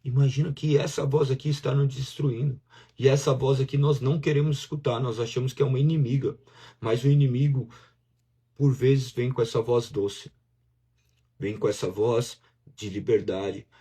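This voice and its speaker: Husky, warm-voiced Brazilian pastor preaching. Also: male voice, mid-range voice. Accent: Brazilian Portuguese. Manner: conversational preaching, acts out inner voices in dialogue. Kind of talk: sermon.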